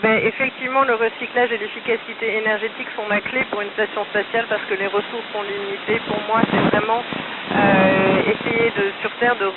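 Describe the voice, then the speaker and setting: A man's high, fairly flat voice comes through a narrow, phone-thin amateur radio downlink from space, with steady hiss underneath. He explains things patiently and closes every answer with radio protocol. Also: a little fast. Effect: noisy, narrow ham radio downlink from space. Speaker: astronaut answering students. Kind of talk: radio Q&A with a school.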